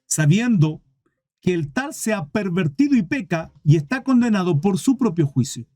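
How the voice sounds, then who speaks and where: A man's voice: high-pitched, sing-song, moderate pace, warm tone, no echo, clean studio sound. A man preaching a sermon as pastor, emphatic and repetitive, speaking straight to his congregation.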